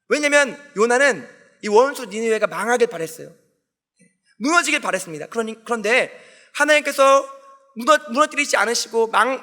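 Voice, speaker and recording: A man preaching a sermon as pastor, telling a story with lively acted-out dialogue. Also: very high voice. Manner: animated storytelling, acting out quoted dialogue. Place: church sanctuary. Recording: long hall reverb.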